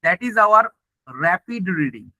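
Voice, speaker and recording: In a dry, rough recording, a male teacher delivers an online exam-prep lecture in a high-pitched, expressive, pushed and bright voice, speaking extremely slowly. He asks and answers his own questions, mixes English terms into his Bengali, and keeps checking in with "ঠিক আছে?" ("okay?").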